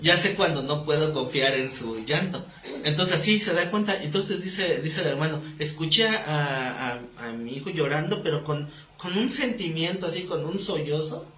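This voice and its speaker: Bright, animated Mexican Bible teacher. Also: male voice, on the high side, moderate pace. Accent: Mexican Spanish. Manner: animated, acts out voices, jokes with the class. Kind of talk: live Bible class. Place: room with a live audience. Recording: echoey room, faint noise.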